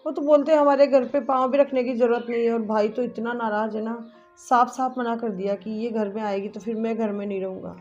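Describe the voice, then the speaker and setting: Casting a soft-spoken appeasing young daughter-in-law, high voice, played by a woman, muffled audio with faint music. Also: little pitch movement, fairly quick, close to an everyday voice. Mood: pleading. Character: meek young daughter-in-law, pleading and soothing. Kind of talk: family drama acting.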